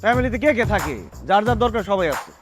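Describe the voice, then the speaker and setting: This is a boastful young flat-hunter in a comedy sketch, played by a man. He rattles along at breakneck speed in a raised voice, sometimes half-singing his lines. Faint music sits behind him. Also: high voice, fast. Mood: bargaining. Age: young adult. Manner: boastful, breaks into sing-song. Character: brash cocky young man, full of himself. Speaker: son looking for a flat.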